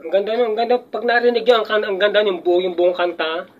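Older man, high-pitched voice, rambling casual chat, chuckles often, muffled lo-fi recording. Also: fast talker. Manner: rambling, chuckling, with many restarts. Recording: muffled lo-fi audio.

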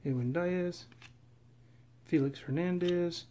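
A man casually narrating as he opens packs of trading cards, reading off names in a steady, relaxed list. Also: sits high, slow pace. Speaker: card collector opening packs. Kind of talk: casual running commentary. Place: indoors at a table.

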